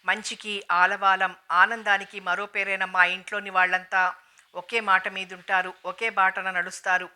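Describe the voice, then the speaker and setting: Reading a novel aloud for an audiobook, a woman takes on the role of a dignified, stern matriarch. The character speaks with calm, measured gravity, and the woman's voice sits at medium pitch.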